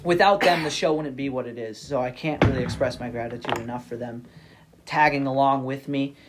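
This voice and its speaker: A man's voice: mid-range voice, fairly quick, loud music behind the voice. A man guesting on a podcast, talking in a rambling, casual way, full of restarts, repeated words and frequent "you know what I mean" tags. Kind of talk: casual interview chat.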